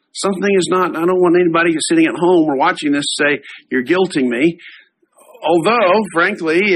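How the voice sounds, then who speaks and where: A middle-aged pastor preaches a sermon, reading scripture slowly before explaining it conversationally. His voice sits high with a fairly bright tone, and the recording is rough.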